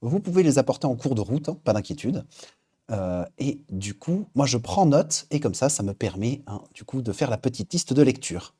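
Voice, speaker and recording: Man, livestream host, casual chat, warm mellow tone, chatty, lots of fillers. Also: medium pitch, very animated, normal speed, husky. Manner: chatty, reads viewer names aloud, frequent fillers.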